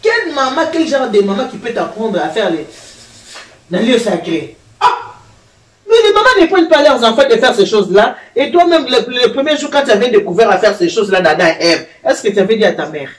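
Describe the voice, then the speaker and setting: An older woman hosting a home cooking show and giving marriage advice, with a teasing, animated way of talking. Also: on the high side, brisk. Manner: chatty, teasing, animated storytelling. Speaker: host, grandmother. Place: home kitchen. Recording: echoey room, voice from far off, faint noise.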